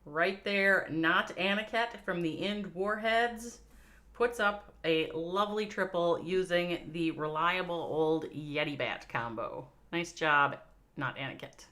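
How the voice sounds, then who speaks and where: A woman's voice: lowish voice, takes it slowly, pushed and bright. A woman with a Minnesota accent giving chatty, playful live commentary on a mobile strategy game match, reacting to chat and laughing along. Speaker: esports caster.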